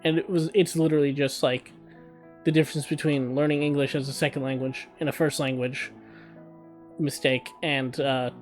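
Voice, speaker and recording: A man streaming a game live, reading its text aloud and breaking off for casual, profane, joking asides. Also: medium pitch.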